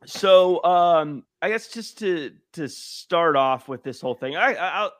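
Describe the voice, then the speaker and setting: A man hosting a casual movie review podcast, recapping the plot in an animated, laughing way with quick restarts. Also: on the high side, no echo, studio quality. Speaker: podcast host.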